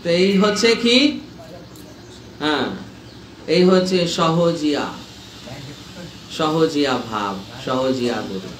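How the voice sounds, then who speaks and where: A man with a higher-than-average voice talks slowly and pauses often while teaching a scripture class. He explains with patience, repeats what matters, and checks that his listeners are following. A faint hiss or hum and soft ambience come through in the echoey room.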